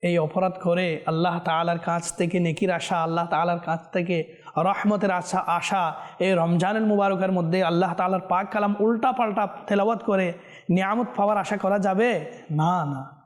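A man teaching Quran recitation on a television lesson, chanting verses slowly and melodically, then explaining corrections earnestly and repeating them for viewers. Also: sits high, steady tone. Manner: drawn-out melodic recitation between quick explanations.

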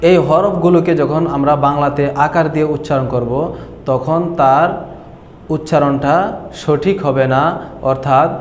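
A man teaching Quran reading letter by letter, explaining patiently and slowly drawing out each sound. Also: on the high side, fairly even intonation, a little hiss or hum. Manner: slow, repetitive explanation, drawn-out letter sounds. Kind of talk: online recitation lesson. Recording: echoey room with long reverb.

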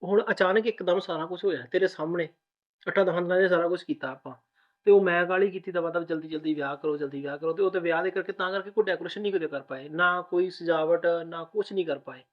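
A man playing a fast-talking reassuring young husband. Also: high-pitched, highs cut off, close to an everyday voice. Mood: soothing. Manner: rapid, reassuring, soothing. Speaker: groom. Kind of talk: village family drama acting.

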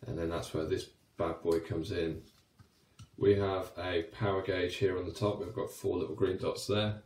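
A deep-voiced man in his thirties talks through a product review in a loose, chatty way, full of fillers and restarts. His voice rings with the echo of a small, hard-walled room. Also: level tone, moderate pace, darkish tone. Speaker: cycling light reviewer. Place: small wooden shed, then a home room.

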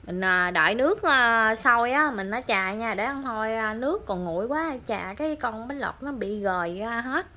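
A woman's voice: a little high, animated, moderate pace, hardly any pauses, sharp tone, a little hiss or hum. A woman with a Southern Vietnamese accent, chatting playfully through a home cooking vlog in a country kitchen. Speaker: vlogger. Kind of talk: casual cooking vlog chat. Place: rural home kitchen with wood stove.

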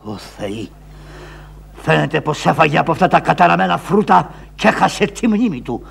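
A man's voice: a little high, lively intonation, creaky, a bit bright, husky, exaggerated voice. Man playing a solemn heroic captain. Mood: commanding, worried. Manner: solemn, declaiming orders. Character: Odysseus, grown male hero and commanding captain. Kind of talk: traditional shadow-puppet theatre voice.

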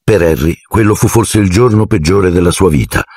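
Deep husky man telling a story. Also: normal speed, dry recording, clean studio sound. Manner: expressive storytelling. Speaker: narrator. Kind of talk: audiobook narration.

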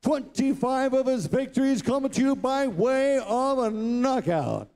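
High-pitched man, showy lucha libre style ring announcer. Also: lively intonation, a little mellow. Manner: showy lucha libre announcer delivery, drawn-out words and names. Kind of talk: formal, theatrical fight introductions. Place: boxing ring in a large indoor venue.

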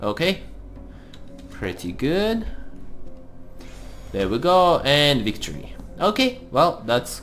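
A man's voice: fairly high pitch, big pitch swings, slow pace, pauses often, fairly bright tone, a little hiss or hum. A man giving casual gameplay commentary, thinking aloud as he plays. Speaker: host of a card game let's play series. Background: music.

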